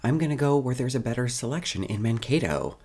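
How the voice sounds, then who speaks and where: A man's voice: mid-range voice, expressive, a little fast, a little mellow, voice pushed up. A man voicing a blunt woman customer who brushes off help. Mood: dismissive. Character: curt, dismissive woman shopper.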